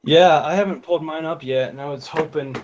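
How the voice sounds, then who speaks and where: A man's voice: fairly high pitch, fairly quick, highs cut off, background noise. A man in a student study group, asking laid-back questions in casual chat.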